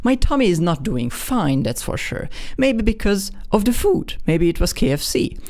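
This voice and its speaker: A man's voice: high voice, sing-song, moderate pace, a little mellow. A young man in his twenties with a Hungarian accent tells a personal story straight to the camera. His voice swings freely up and down. He is candid and self-mocking, and he often stumbles and restarts his sentences. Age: 20s. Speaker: vlogger.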